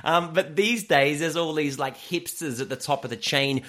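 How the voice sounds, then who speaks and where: A man in a casual podcast chat, telling stories in an animated, slangy way and laughing often. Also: fairly high pitch, normal speed.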